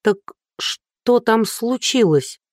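A reader doing a flustered blonde woman, high. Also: animated, very slow, no room sound, clean studio sound. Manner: anxious, rising, flustered questions. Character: flustered plump blonde woman in her thirties.

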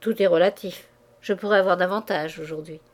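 A calculating young man speaks in a hushed, coaxing tone, read by a woman narrator. His voice sits a little low and quiet. He keeps an even, cool manner throughout. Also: fairly quick, lightly acted. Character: smooth-talking ambitious young man, cold.

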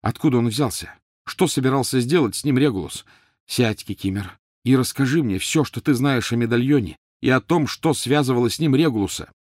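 A man voicing a young male wizard who fires off sharp, demanding questions and orders. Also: medium pitch, fairly quick, dry recording, studio quality, voice pushed up, close to an everyday voice. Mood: questioning. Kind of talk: audiobook character voice.

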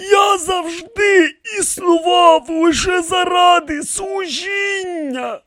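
Ancient wailing high priest. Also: male voice, slow, fairly bright tone, dry recording, shouting, exaggerated voice. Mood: urgent. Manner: shrill, quavering, half-wailing. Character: ancient frail male high priest, seven thousand years old. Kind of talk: audiobook character voice.

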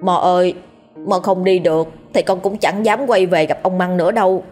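A woman's voice: lowish voice, fairly even intonation, normal speed, darkish tone, soft background music, lightly acted. A woman voicing a timid young village man who grumbles and pleads. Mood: pleading. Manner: whiny and pleading.

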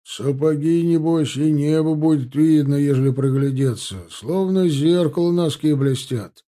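A man doing a loud folksy army orderly. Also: fairly high pitch, measured pace, natural voice. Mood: eager. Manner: loud, folksy servant's talk. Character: older male army orderly, folksy and eager.

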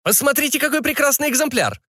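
A man voicing a skinny, fawning male market barker who talks in a shrill, wheedling, pushy way. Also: expressive, fast, pushed and bright, no room sound, clean studio sound, full character voice. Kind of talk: audiobook character voice.

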